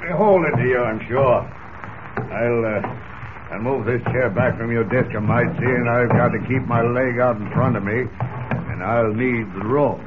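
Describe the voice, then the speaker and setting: An actor playing a gruff, blunt old seafarer with salty in 1940s radio drama. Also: male voice, medium pitch, measured pace, natural voice. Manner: salty nautical talk. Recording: tinny, noisy old radio recording.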